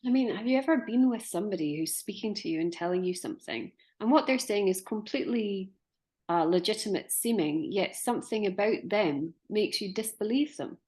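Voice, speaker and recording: A woman's voice: medium pitch, lively intonation, a little fast, a little mellow. A woman in her forties hosting a conversation, musing and hesitant as she poses questions. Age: 40s. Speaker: podcast host. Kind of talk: conversational discussion.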